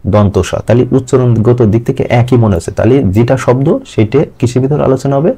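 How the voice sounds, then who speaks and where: A man's voice: mid-range voice, a little fast, warm tone, husky. A man teaching a grammar lesson, asking his students questions and then answering them himself. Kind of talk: step-by-step lecture.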